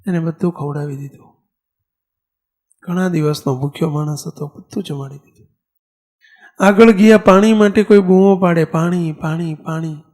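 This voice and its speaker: A man with a Gujarati accent giving a sermon as a monk, telling a story in an animated way and acting out the characters' lines. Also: sits high, moderate pace, pauses often.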